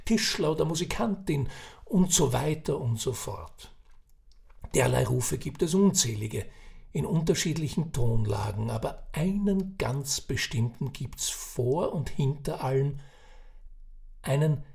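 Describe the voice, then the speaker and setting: Creaky male narrator musing aloud. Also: on the high side, darkish tone. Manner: musing, addresses the listener directly. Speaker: narrator and author. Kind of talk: reflective audiobook narration.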